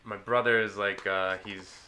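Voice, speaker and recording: A laid-back man chatting as a podcast guest, pausing often and trailing off mid-thought. His voice is lowish with a bright, forceful tone. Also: steady tone, slight background noise. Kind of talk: casual chat.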